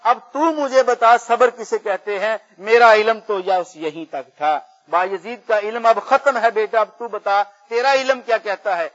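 A man's voice: sits high, animated, hardly any pauses, a bit bright. A man voicing a humble elderly saint who asks a child to teach him, in a muffled recording.

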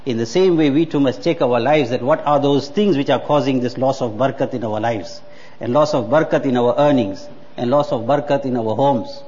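Earnest preacher in an echoing hall. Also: male voice, medium pitch, a little fast, a little mellow. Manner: earnest, exhorting, repeats words for emphasis. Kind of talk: sermon. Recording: muffled hall with long reverb.

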